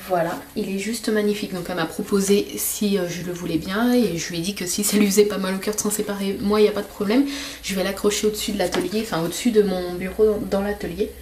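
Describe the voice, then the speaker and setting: A woman's voice: medium pitch, steady tone, fast talker, a little mellow, a little hiss or hum. Chatty woman vlogging with many fillers. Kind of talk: casual chat to camera. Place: home workshop.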